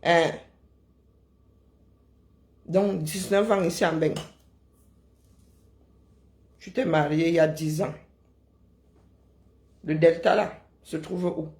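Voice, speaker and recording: Speaking slowly with frequent pauses, this middle-aged Kribi woman has a lowish, steady, darkish voice. On her live stream she casually teases and needles her viewers, tacking "hein?" onto many of her lines.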